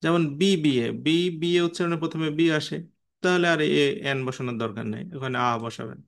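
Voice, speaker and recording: A man's voice: a little high, fairly quick. A man teaching an online class, patiently explaining and quizzing students by name. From Bangladesh.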